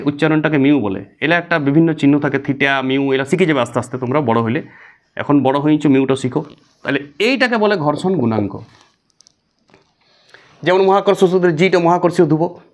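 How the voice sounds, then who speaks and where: A man teaching a physics lesson, asking the class questions and answering them himself. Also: sits high. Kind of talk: classroom lecture.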